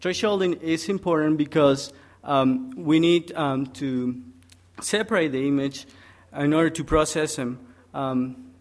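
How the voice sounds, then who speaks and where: Presenting a technical subject at a conference, a young man from Peru moves through his points one step at a time. His delivery is halting and full of ums, and his voice sits a little high.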